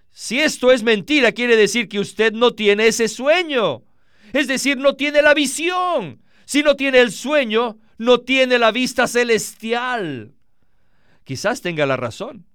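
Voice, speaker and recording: A man's voice: very high voice, fairly bright tone, clean tone, no echo, studio quality. A man preaching a sermon, earnest and emphatic, speaking straight to his listeners.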